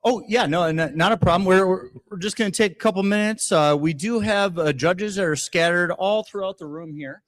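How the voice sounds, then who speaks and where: Male competition host, high-pitched voice, formal welcome loosened by casual asides. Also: a little fast, hardly any pauses. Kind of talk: welcoming announcement to an audience.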